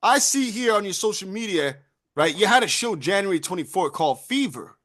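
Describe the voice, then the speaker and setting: A man's voice: high voice, sing-song, a little fast, fairly bright tone. A man hosting a radio interview, chatty and hype, who keeps tagging his remarks with "right?" and "you know what I mean?". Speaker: radio host.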